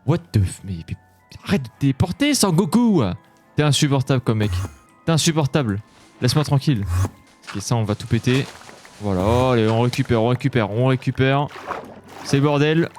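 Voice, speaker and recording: A man's voice: mid-range voice, fairly quick, a little mellow. A young man giving casual Let's Play commentary, chatty and jumpy, breaking into scared yelps. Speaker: gaming YouTuber. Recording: faint game music behind.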